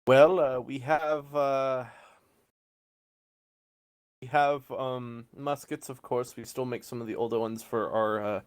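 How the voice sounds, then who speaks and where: A man's voice: mid-range voice, steady tone, slow pace, long pauses, smooth, close to an everyday voice. Man playing a polite arms salesman. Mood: salesy. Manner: courteous sales patter.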